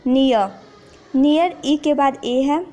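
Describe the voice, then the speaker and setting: भारतीय लहजे वाली एक महिला शिक्षिका, जो धैर्य से नियम दोहराते हुए पाठ समझाती है और अंग्रेज़ी वाक्य धीरे-धीरे पढ़ती है।. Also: female voice, high-pitched, warm tone. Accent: Indian. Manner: repeats rules patiently, reads English lines slowly. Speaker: English teacher. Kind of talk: slow explanatory lesson.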